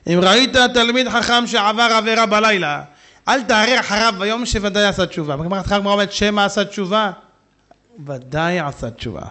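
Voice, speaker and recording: A rabbi preaching a humorous sermon, talking straight to his listeners and jumping into shouted asides. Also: high voice. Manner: animated, jumps into shouted asides and quick put-on voices; humorous, talks straight to the audience. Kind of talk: sermon with storytelling. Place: synagogue hall.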